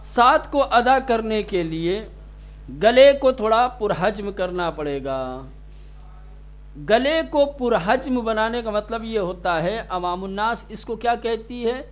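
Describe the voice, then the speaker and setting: A stern male recitation teacher with a noticeably high voice leads a classroom lesson. He draws out each letter sound slowly to demonstrate it and snaps at inattentive students. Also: expressive. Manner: stern, scolds students sharply.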